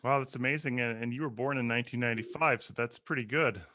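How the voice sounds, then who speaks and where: A man's voice: mid-range voice, steady tone, fast, bright, forceful tone. A man hosting a commerce podcast, chatting casually and joking with his guest. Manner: joking, playful, with restarts. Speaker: podcast host. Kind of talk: casual interview chat.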